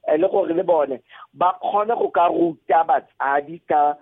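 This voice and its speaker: A man with a South African Setswana accent speaking in a radio discussion, hesitant and pausing often. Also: fairly high pitch, slightly rough, dry recording. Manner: hesitant, frequent pauses. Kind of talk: radio discussion, mixing languages. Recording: narrow phone-like line.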